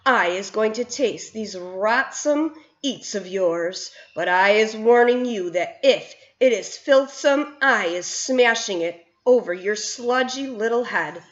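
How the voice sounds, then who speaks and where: Woman doing a huge greedy male giant, booming, slow, menacing, roomy, lo-fi. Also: expressive. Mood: suspicious. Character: huge brutish male man-eating giant, greedy and bad-tempered. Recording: roomy, dull lo-fi sound.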